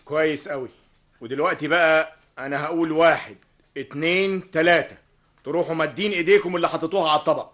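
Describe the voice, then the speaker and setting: A man's voice: a little high, fairly even intonation, quick pace, a bit bright, lightly acted. A man voicing a clever, confident man who sets a trap to expose a thief, in an Egyptian accent, in a radio drama. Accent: Egyptian Arabic. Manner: confident, commanding counts. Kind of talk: vintage radio drama acting.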